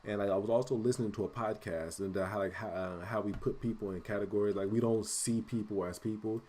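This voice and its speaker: A man's voice: lowish voice, fairly even intonation, fast, warm tone, slight background noise. A man in his late twenties co-hosting a podcast, chatting casually and cursing, rambling with lots of fillers. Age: late 20s. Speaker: podcast co-host. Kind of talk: casual chat.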